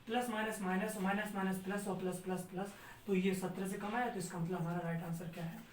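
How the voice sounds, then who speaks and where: A man's voice: high voice, fast talker. A man teaching an exam-prep math lesson step by step, asking his students questions and answering them himself. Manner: steady, step-by-step explaining. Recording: roomy sound, distant mic, faint noise.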